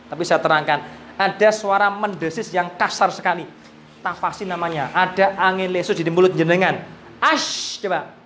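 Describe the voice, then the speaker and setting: A high-voiced Indonesian man with a Javanese accent briskly leads a live Quran reading class, keeping things relaxed and mixing in Javanese words. There is slight background noise.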